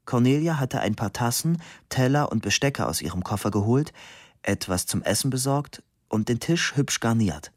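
A man reading a novel aloud as narrator, calm and measured. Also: mid-range voice, no room sound, clean studio sound. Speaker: audiobook narrator. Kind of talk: scripted narration.

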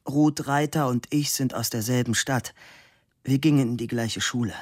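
A man reading aloud, voicing a calm, self-possessed young woman who speaks plainly. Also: mid-range voice, normal speed, no room sound, clean studio sound, voice pushed up, close to an everyday voice. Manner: composed, matter-of-fact.

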